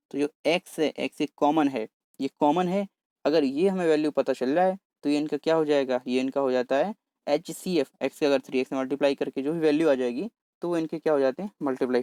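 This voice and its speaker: Male maths tutor, slightly high voice, brisk and chatty, close dry voice-over. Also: mellow, clean tone, no echo. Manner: brisk, talks fast on purpose to cover the paper; addresses viewers as "bhai", chatty and coaxing. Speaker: exam maths teacher. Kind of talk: solving exam paper on screen.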